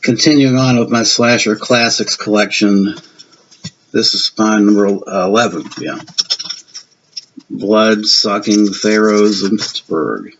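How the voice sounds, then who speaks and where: A man's voice: on the low side, slow pace. A man in his fifties or sixties with a Southern US accent, chatting casually and rambling a little as he shows off his film collection. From Virginia, USA. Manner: chatty, rambling, self-deprecating. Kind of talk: casual show-and-tell vlog. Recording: dull lo-fi sound with faint hiss.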